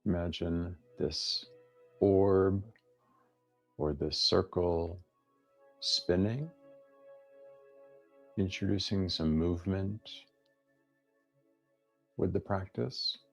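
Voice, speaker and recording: Background music accompanies a deep-voiced man guiding a meditation. As a teacher offering soft instruction, he speaks very slowly, with long pauses breaking up his gently inviting phrases.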